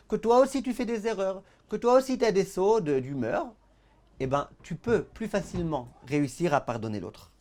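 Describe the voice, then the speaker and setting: Animated rabbi teaching a lesson. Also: male voice, sits high. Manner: animated storyteller, acts out dialogues; addresses the audience directly. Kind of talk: Torah lesson.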